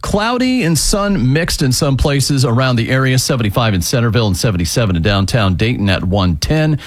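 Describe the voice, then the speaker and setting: A man announcing a weather update on the radio in a brisk, formal broadcast style. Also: medium pitch, sing-song.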